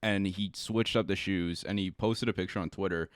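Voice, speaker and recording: Blunt young man, low dry voice. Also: fairly even intonation, normal speed, clean tone, dry recording. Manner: blunt, profane, exasperated. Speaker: podcast co-host. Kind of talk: casual chat.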